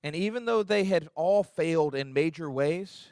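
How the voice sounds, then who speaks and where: A man with a fairly high voice preaches an earnest, conversational sermon. He acts out the quotes with energy. The sound is close and dry, with almost no room echo. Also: moderate pace, a little mellow, clean tone. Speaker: pastor. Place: church sanctuary.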